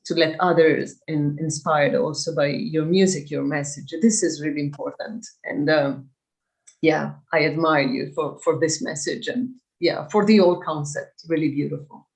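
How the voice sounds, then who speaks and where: A woman's voice: deep voice, steady tone, moderate pace, creaky, darkish tone, low-quality recording. A woman reviewing casually on a podcast panel, hesitant and searching for her words. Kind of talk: casual, halting spoken review.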